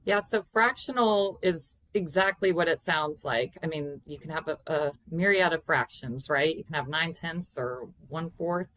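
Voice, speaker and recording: Lower-pitched woman giving interview answers. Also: normal speed, few pauses, a bit bright, dry recording, poor audio. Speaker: guest, accounting consultant. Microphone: video call.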